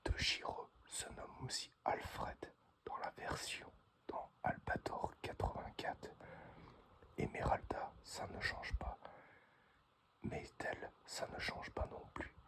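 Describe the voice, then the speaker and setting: Male ASMR unboxing host: breathy whisper right in the ear, extremely slow delivery. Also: a bit bright. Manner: slow, halting short phrases.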